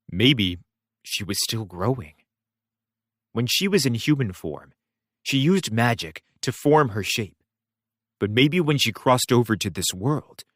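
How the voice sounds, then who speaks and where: Guy reading a novel out loud in first person, wry, lively pitch, dry sound. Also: no echo. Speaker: audiobook reader.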